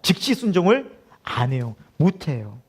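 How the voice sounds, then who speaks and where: A male pastor delivers a midweek sermon in a high, lively voice that leaps up and down as he preaches. He keeps turning to the congregation with questions and breaks into laughter often. He acts out the voices he quotes. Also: moderate pace, husky. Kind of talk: sermon at a midweek prayer service.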